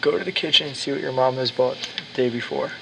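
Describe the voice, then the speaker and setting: A young man narrating a spoken-word piece in second person, calm, steady and matter-of-fact. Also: medium pitch, fast talker, vocal fry, noisy background.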